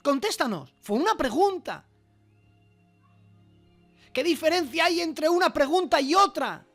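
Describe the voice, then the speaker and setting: A man with a high voice delivers an earnest sermon at an unhurried, deliberate pace, pressing his points with rhetorical questions. Soft music plays faintly behind him. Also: expressive, vocal fry. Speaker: preacher. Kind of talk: sermon preached over a walkie-talkie app service.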